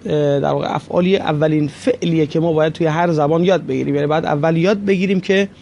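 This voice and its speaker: Man, language teacher, gravelly voice, slightly high pitch, patient and repetitive. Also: fairly even intonation, a little mellow, slight background noise. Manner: patient, repeats each form slowly; addresses listeners as friends. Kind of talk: recorded lesson.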